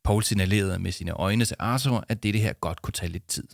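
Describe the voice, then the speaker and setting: En mandlig fortæller læser en børnehistorie op i et roligt, jævnt tempo. Stemmen er dyb og knirkende, og optagelsen er helt tør og tæt på. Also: male voice, fairly low pitch, gravelly, dry recording, clean studio sound. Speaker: narrator. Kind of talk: storybook narration.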